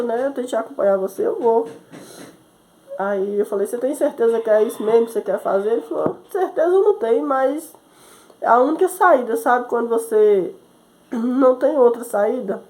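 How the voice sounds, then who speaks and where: A woman's voice: a little high, darkish tone. Woman preaching a testimony. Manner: storytelling, quoting others, frequent "né?". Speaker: missionary preacher. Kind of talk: testimony sermon.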